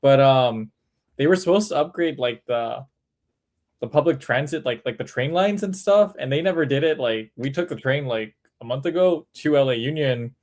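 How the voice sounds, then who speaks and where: A man's voice: mid-range voice, lively intonation, moderate pace, darkish tone. A man co-hosting a live podcast, telling stories in a rambling casual way with many fillers. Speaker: podcast co-host. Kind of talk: casual chat.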